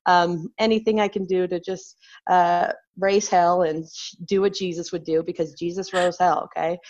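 A woman whose voice is hoarse and raspy from bronchitis talks as a guest in a loose, irreverent chat. She laughs easily between points, and the recording sounds dull and lo-fi. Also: lowish voice, flat delivery, normal speed, a little mellow. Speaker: guest, philosopher. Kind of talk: casual conversation. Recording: dull lo-fi audio.

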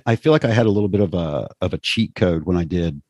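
A low, husky man in his fifties chats as host with keen enthusiasm. His tone is dark and mellow, recorded close and dry. He keeps checking in with "right?" between thoughts. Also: expressive, fast talker, dry recording. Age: 50s. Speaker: podcast host. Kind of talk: casual conversation.

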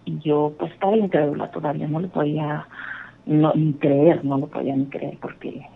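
A woman, calling in and telling her story over a thin, tinny phone line. Her voice is gravelly and husky. She tells it earnestly and rambles, often restarting her sentences. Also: deep voice, level tone, moderate pace. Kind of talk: casual storytelling.

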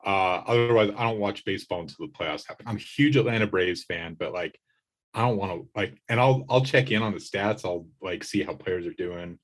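A man with a slightly low voice talks casually as a sports writer on a podcast. He is conversational, with a wry way of putting things. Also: brisk.

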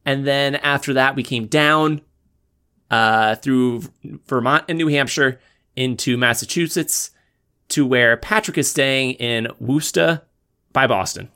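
A man co-hosting a podcast in easy, casual chat. He rambles through his stories, pausing and restarting as he searches for the next detail. His voice sits at a medium pitch. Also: sharp tone, clear, resonant tone. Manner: rambling, halting with fillers and restarts. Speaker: podcast co-host.

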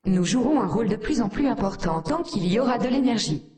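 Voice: mid-range voice, lively intonation, brisk, dark tone, lightly acted. A performer voicing a sardonic female artificial intelligence that talks down to humans with cold contempt, in an echoey room. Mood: scornful.

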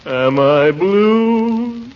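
A man's voice: mid-range voice, expressive, normal speed, muffled recording, natural voice. A man playing a pompous, flustered middle-aged bachelor in a 1940s radio comedy, sputtering his protests. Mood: grumbling. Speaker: title character of a radio sitcom. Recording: hissy 1940s radio recording.

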